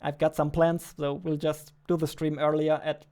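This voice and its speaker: This is casual livestream chat from a game developer in his twenties, speaking playfully into a close studio mic on a boom arm in a small, dark-backdropped room. His slightly high voice is a little mellow, with flat delivery at a moderate pace.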